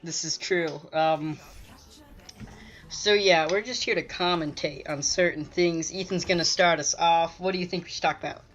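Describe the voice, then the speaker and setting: A man's voice: a little high, steady tone, normal speed, a bit bright, lo-fi sound. A male co-host of a gaming channel chatting casually over gameplay, telling a story in an easygoing way with many fillers.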